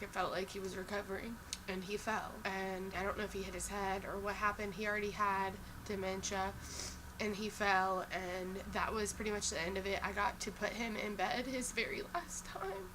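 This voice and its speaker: Young woman vlogger, rambling casual storytelling, mid-pitched voice, noticeable background noise. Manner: rambling, emotional, fillers like "like" and "you know". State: tearful at times. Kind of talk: casual personal vlog storytelling.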